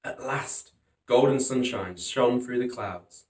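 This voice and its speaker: A storytime host reads a children's picture book aloud, narrating dramatically and emphatically in a slow, medium-pitched voice. He sounds distant from the microphone, with a roomy echo.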